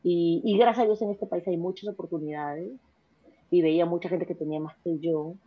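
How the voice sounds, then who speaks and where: A young woman talks quickly and energetically, restarting and repeating herself as ideas pile up. Her voice is husky and comes through thin and tinny, as over a phone line. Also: on the low side. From Peru. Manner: fast, energetic talker with many restarts and repeated words. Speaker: interview guest. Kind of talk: casual conversational interview.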